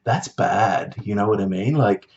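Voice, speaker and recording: Aussie guy venting on his vlog, lots of swearing, kinda muffled lo-fi sound. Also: measured pace. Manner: animated, swearing, jumps to high mocking voices when quoting. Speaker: vlogger. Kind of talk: casual storytelling vlog.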